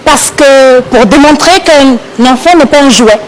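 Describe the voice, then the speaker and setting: A woman with a West African French accent plays an advisor in a comedy sketch. She explains herself slowly and insistently in a fairly high voice. Light background noise sits behind her. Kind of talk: staged comedy sketch dialogue.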